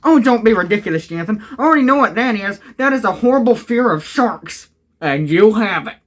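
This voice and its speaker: A man's voice: sits high, animated, fairly quick. Goofy boastful young man in a comedy sketch.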